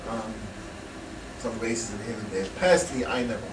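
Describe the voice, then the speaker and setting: A man's voice: mid-range voice, a little fast. A man telling his own story in a frank, rambling way with laughing asides. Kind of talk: casual storytelling talk. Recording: echoey hall, distant mic, noisy.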